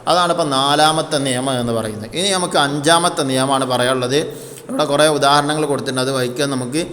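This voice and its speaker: A man's voice: medium pitch, fast, a bit bright, long reverb tail. A man teaching Quran recitation rules, patiently asking questions and answering them himself. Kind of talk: tajweed lesson.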